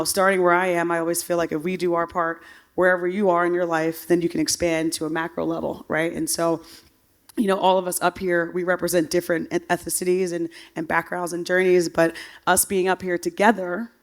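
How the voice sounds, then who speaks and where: A woman giving earnest personal testimony in a panel discussion, often saying "you know". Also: fairly low pitch. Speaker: panelist, sports referee.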